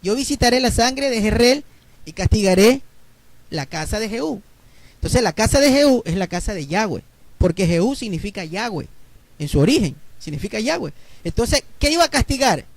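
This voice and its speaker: A man preaching a Bible teaching sermon, explaining word roots slowly and checking in with his listeners. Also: sits high, very animated, creaky, no echo. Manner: explains slowly, spells letters out, asks listeners ¿verdad?.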